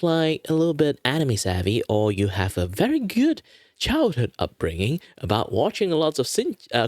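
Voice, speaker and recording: A man hosting as a virtual streamer, introducing himself in a casual, rambling, playful and hesitant way. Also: mid-range voice. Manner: hesitant, wandering, playful delivery.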